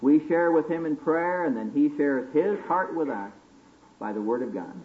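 A man giving a folksy, conversational sermon to a group, full of stories and questions to his listeners, at times rising to booming motivational calls. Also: expressive, normal speed. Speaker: preacher at a church retreat session. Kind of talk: sermon, conversational teaching with storytelling. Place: live talk to a seated group. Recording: tinny band-limited old recording with hiss.

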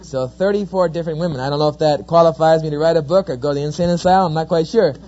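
Here a New Jersey man in middle age races through a sermon-like talk at a very fast clip, his voice on the high side. He's folksy and full of jokes, spinning stories with real liveliness, though the lo-fi recording sounds dull.

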